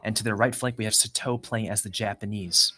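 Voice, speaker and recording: A man co-casting a live strategy game, brisk and matter-of-fact. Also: on the low side, fairly even intonation, sharp tone. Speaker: esports co-caster.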